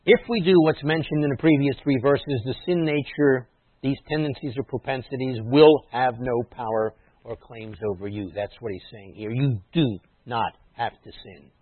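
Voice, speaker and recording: A man delivers a teaching sermon at a middle pitch, patient and explanatory. He often drops his voice for quiet asides. The sound is thin and phone-like, with no room echo. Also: moderate pace, husky. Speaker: messianic rabbi preaching. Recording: dry tinny phone-like sound.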